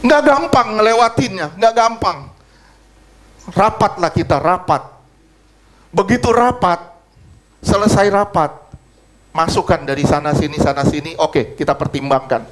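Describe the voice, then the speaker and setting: A middle-aged man delivers a sermon in a notably high voice. He leans on repetition, saying the same phrase again and again to drive a point home. Between the exhortations he talks to the congregation plainly, as if sharing a personal story. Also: unhurried, pauses often, poor audio. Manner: emphatic preaching with heavy repetition of phrases; conversational, personal testimony told to the congregation. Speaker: pastor.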